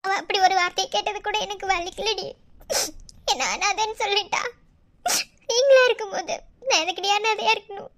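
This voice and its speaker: A woman's voice: very high-pitched, bright, forceful tone. A woman voicing a hurt, tearful young working woman in a cartoon, with a Madurai Tamil accent. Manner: pleading, tearful. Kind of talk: cartoon voice acting.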